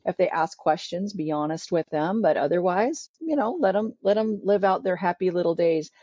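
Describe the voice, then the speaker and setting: Mellow low woman on dull audio. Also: moderate pace, no room sound. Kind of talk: casual podcast chat. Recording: dull lo-fi sound.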